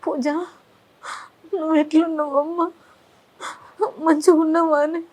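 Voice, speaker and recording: A woman's voice: high-pitched, little pitch movement, normal speed, close to an everyday voice. A woman playing a grieving village mother who pleads and weeps over her married son. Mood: tearful pleading. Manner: sobbing, pleading, lamenting. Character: grieving village mother, middle-aged, tender and tearful. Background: music.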